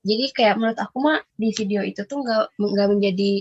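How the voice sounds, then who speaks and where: A woman's voice: medium pitch, brisk, husky, muffled recording. A woman with an Indonesian accent hosting a casual podcast, talking in a chatty, rambling way with lots of fillers. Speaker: podcast host. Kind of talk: casual reaction chat.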